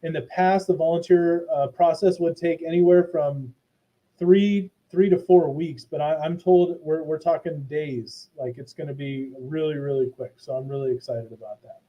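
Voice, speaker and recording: A man giving a casual, chatty school presentation to parents from his office. His audio is robotic and garbled, like a low sample rate, and he uses many fillers and restarts. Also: fairly even intonation, moderate pace, lo-fi sound. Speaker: school principal. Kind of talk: live online presentation to parents. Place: hot indoor office.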